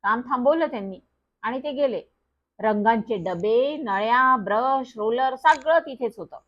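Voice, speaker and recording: A woman narrating a children's story in a lively first-person manner. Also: on the high side, unhurried. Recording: dull lo-fi recording.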